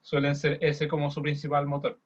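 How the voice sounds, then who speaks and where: A man's voice: fairly high pitch, monotone, fairly quick. A young man presenting a theater workshop, talking informally and encouragingly, often restarting his phrases. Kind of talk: online workshop talk. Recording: dull lo-fi audio.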